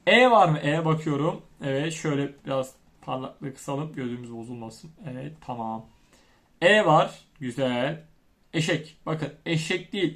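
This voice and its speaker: A man teaching young children as their primary school teacher, chanting the alphabet and speaking to them directly in a lively classroom manner. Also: a little high. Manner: animated, chants letters, addresses children directly.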